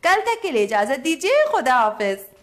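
Woman, fairly high voice, children's fable narration, gentle moral at the end. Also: big pitch swings, normal speed. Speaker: storyteller.

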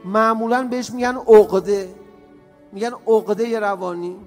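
High-voiced preacher in an echoing hall. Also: male voice. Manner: repetitive rhetorical questions, swings between loud and hushed. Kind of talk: sermon to a live audience. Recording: reverberant hall with faint music.

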